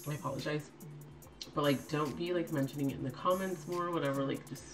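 A woman's voice: low-pitched, fast talker, music in the background, rough recording. A young woman chatting casually on a livestream from her kitchen into a phone, rambling with constant "like" fillers and blunt swearing.

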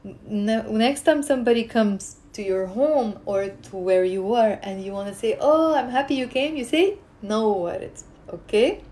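An Arabic teacher hosting a live stream gives an informal language lesson, explaining things and questioning her viewers. She has a higher-pitched voice and a Lebanese accent, and she's animated and encouraging, repeating words slowly and clearly. The audio comes from a phone at arm's length in a small room at home.

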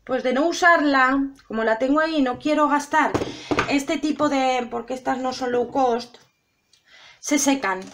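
A woman's voice: a little high, fairly bright tone. A middle-aged woman with a Spanish accent from Spain, chatting to her viewers while doing her makeup, dramatic and talkative. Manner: chatty, self-dramatizing, addresses viewers directly. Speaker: beauty vlogger. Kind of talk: casual makeup tutorial chat.

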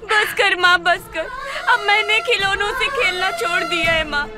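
An anguished young daughter. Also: female voice, very high voice, normal speed, a loud crowd. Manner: accusing, anguished. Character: bitter grieving young daughter. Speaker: film character. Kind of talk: melodramatic film acting. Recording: film soundtrack with music.

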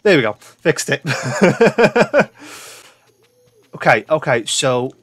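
A man's voice: on the high side, big pitch swings, extremely slow, fairly bright tone, breathy edge, no echo. A man hosting a let's-play, chatting casually and swearing freely as he plays. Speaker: gaming channel host.

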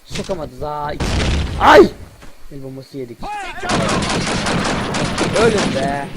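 Young man, high-voiced gamer, rowdy and foul-mouthed over loud gunfire from the game. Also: expressive, slow, background noise. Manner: loud, cursing, shouting at enemies. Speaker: gaming video creator. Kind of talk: casual gameplay commentary.

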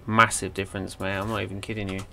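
A man's voice: lowish voice, quick pace, creaky. A man streaming a game live, chatting casually and calling people mate and bro. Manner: relaxed, chummy, calls people mate and bro. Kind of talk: casual gaming chat.

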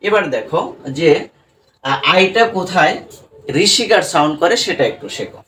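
A man's voice: high-pitched, animated, moderate pace, sharp tone. A man teaching an English lesson who keeps asking his students questions and answering them himself, often ending with "right?". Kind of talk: classroom-style spoken lesson. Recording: distant mic with faint room noise.

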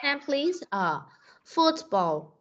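A woman English teacher with a Vietnamese accent, running an online class and drilling pronunciation with slow, patient corrections. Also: high-pitched, very animated, fairly bright tone. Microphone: computer mic on video call. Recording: dull lo-fi video call audio.

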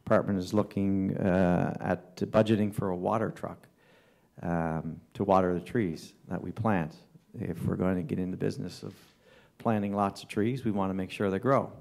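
Male councillor, dark, mellow timbre, halting report full of fillers. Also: low voice, steady tone, gravelly. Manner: halting, with many fillers and restarts. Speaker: town councillor giving a report. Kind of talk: formal council report with ad-libbed remarks. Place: council chamber.

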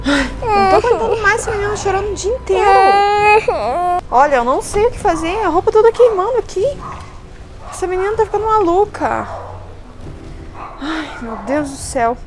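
A woman's voice: very high-pitched, very animated, normal speed, pauses often, a little hiss or hum, heavily acted. An actress playing a scheming mother who taunts her daughter and fakes panic to her ex. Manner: mocking, then fakes panic on the phone. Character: manipulative mother, adult woman, scheming. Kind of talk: melodramatic short-drama acting.

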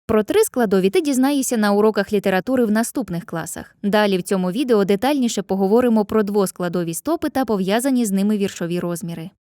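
A woman narrating a scripted lesson, speaking clearly to the viewer and chanting rhymes slowly. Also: medium pitch, dark tone, no room sound, clean studio sound. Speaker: teacher.

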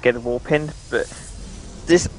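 A man's voice: medium pitch, measured pace, a little hiss or hum. A man casting a live video game match as play-by-play commentator, narrating each move. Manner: play-by-play, repeats "as we do see". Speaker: esports caster.

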